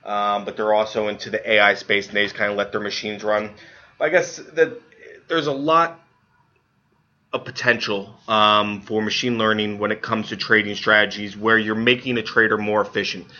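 A hungover man co-hosting a podcast, explaining things informally in a halting, hedging way full of fillers. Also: fairly low pitch, steady tone, bright, forceful tone. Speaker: podcast co-host and editor. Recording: dull lo-fi audio.

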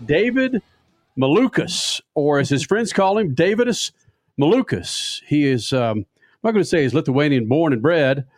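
Brash male radio host, animated and a bit high, dry studio. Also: normal speed, no echo, faint music behind. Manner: brash, animated, swearing casually. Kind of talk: motorsports radio talk.

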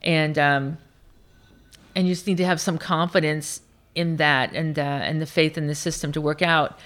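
Speaking at normal speed with a low, steady, fairly bright tone, an Iowa woman in her late fifties recounts stories from her career as a senior military officer. Her interview manner is candid and anecdotal, coming in restarting bursts.

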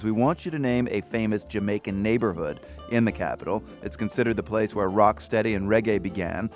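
A man hosting a radio news show, introducing stories and interviewing a guest in a brisk, lightly wry manner. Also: on the low side, darkish tone.

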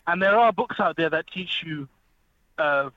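A man phones into a radio program and gives a long, earnest, fluent explanation. He speaks a little slowly, with a fairly high, expressive voice, over a dull phone connection carrying a slight hiss.

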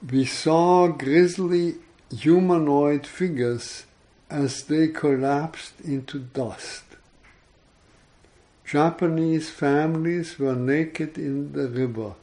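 A man reading a literary story aloud on a podcast in a measured, solemn way. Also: fairly high pitch, warm tone, low-quality recording. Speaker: podcast reader.

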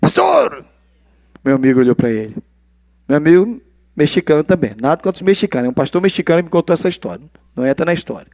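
Male preacher, high-pitched and dry, animated delivery that swings between loud and hushed. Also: rapid-fire, dry recording. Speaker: pastor. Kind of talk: sermon.

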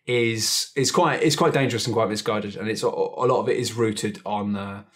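Halting man musing on a podcast. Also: lowish voice. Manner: thoughtful, halting with many restarts. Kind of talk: casual panel chat.

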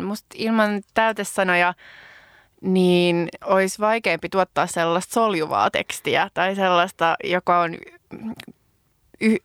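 A woman co-hosting a casual podcast conversation, talking in a thoughtful, lively way with fillers. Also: fairly low pitch, no echo, clean studio sound. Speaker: podcast co-host.

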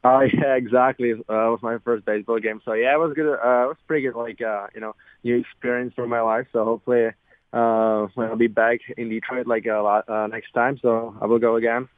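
A young Czech athlete with a Czech accent calls in as a guest on a radio interview, answering in halting, filler-heavy English. His mid-range voice comes across flat over a dry, tinny phone line.

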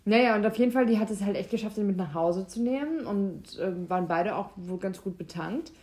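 A woman's voice: medium pitch, lively intonation, fairly quick, dark tone. Young woman, casual podcast chat, candid, acts out quotes.

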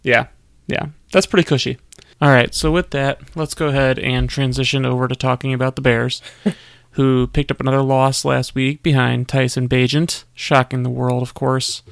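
A man co-hosting a sports podcast in casual chat, wry and quick to laugh. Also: medium pitch, flat delivery, gravelly, no echo, clean studio sound. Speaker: podcast co-host.

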